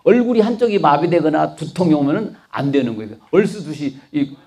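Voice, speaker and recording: A man's voice: a little high, animated, a little fast, darkish tone. A middle-aged man, a doctor, giving a folksy, joking health talk to an older audience and asking them to repeat after him. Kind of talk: lively lecture to older listeners.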